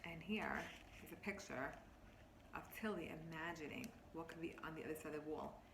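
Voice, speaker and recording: Reading a picture book to children, a woman teacher pauses to explain words and ask questions, addressing them directly in an expressive, teaching manner. Her voice sits low with some vocal fry, and the room echoes with faint background noise.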